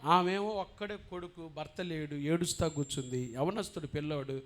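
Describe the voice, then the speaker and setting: A man preaching as a pastor, asking his congregation questions and moving between quiet talk and loud preaching. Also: on the high side, moderate pace. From India. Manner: swings from quiet, conversational asides to loud, impassioned preaching; asks the congregation questions directly. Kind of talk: sermon. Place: church.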